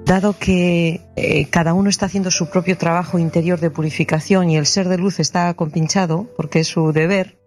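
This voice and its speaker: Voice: mid-range voice, steady tone, brisk, hardly any pauses. A speaker with an ordinary mid-range voice offers ideas in a spiritual conversation. They sound tentative and often check with a question, and faint music plays behind.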